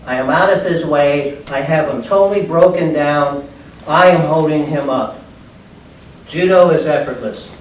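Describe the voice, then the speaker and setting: The recording is muffled: a judo instructor of about sixty, voice a little high and pace a little slow, walks through a martial arts demonstration in brief, plain, step-by-step phrases. A distant camera mic in the large, bare, padded training room adds echo and background noise.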